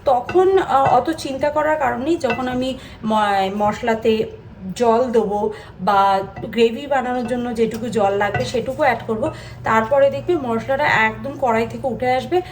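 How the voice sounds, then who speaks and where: A chatty woman in her thirties with a Bengali accent, talking through her day in a casual home vlog. Her voice sits a little high, with a faint hiss of room noise behind it. She explains cooking tips step by step. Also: measured pace. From India. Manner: speaks softly so as not to disturb others. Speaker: vlogger.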